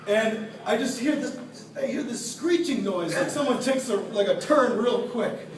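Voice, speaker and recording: A man's voice: very high-pitched, normal speed, background noise. A young man in his twenties, the son at his father's birthday party, giving a humorous speech full of anecdotes and laughing often as he tells them. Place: party room. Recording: echoey room, distant mic, loud crowd.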